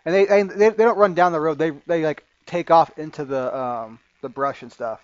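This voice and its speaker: Halting game master, muffled recording. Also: male voice, on the high side, no room sound. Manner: halting, repeats words while thinking. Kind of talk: narrating a tabletop game.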